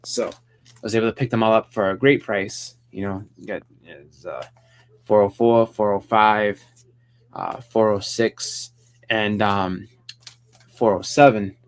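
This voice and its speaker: A man's voice: lowish voice, fairly even intonation, unhurried. A man hosting a live stream, chatting casually about comics in a rambling way with many restarts.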